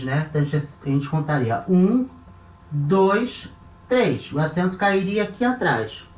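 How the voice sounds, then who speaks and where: Brazilian male teacher, somewhat high voice, patient and methodical, echoey room, mic at a distance. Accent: Brazilian Portuguese. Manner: patient, step-by-step, counting syllables aloud. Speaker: Ancient Greek teacher. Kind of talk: explaining grammar on a board. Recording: roomy echo, voice off-mic.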